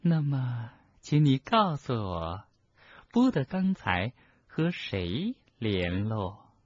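A man voicing a cruel middle-aged witch official in an audiobook, speaking slowly, softly and with menace in a husky voice. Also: mid-range voice, very animated, no room sound, lo-fi sound. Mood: coaxing. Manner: slow, soft and menacing. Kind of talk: audiobook character reading.

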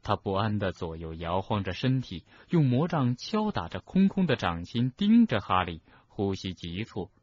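A man reading an audiobook as narrator, with expressive, lively storytelling and a husky voice. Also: on the low side, normal speed, few pauses, no room sound, highs cut off. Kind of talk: scripted narration.

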